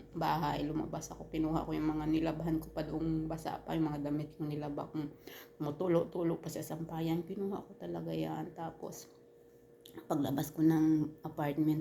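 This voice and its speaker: A woman telling a personal story in casual storytime style, halting with many restarts and fillers, earnest and turning heated at times. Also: low-pitched, gravelly, dark tone, a little hiss or hum.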